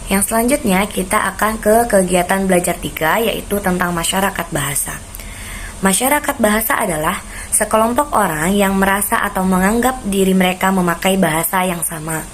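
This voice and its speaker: A woman giving an instructional lecture, setting out her points in order in a measured way with deliberate pauses. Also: medium pitch. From Indonesia. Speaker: lecturer presenting a course module. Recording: noticeable background noise.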